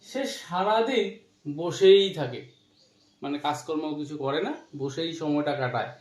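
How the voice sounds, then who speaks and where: A man with a fairly high voice teaches an English lesson at an unhurried pace. He breaks each English phrase into single words and explains them step by step. The room around him is echoey. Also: animated. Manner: slow, explains in Bengali and spells out English phrases word by word.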